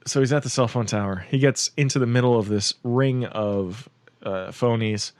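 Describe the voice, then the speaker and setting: A man's voice: medium pitch, normal speed, no room sound, clean studio sound. A man on a podcast, casually recapping a film plot with lots of fillers and laughter. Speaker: podcast host or guest.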